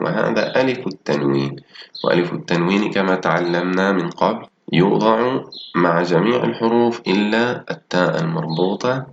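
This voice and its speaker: A man teaching a primary school Arabic lesson, reading example words slowly and praising his pupils as he goes through textbook exercises. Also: low voice, gravelly, highs cut off, a little hiss or hum. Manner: slow, drawn-out reading of example words and sentences.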